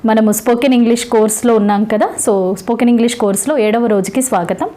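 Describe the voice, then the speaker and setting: Woman, Telugu accent, English teacher, vocabulary lesson, somewhat high voice, brisk chatty explaining. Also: rough recording. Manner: quick, chatty explaining, then steady list reading. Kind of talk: vocabulary lesson, reading word lists.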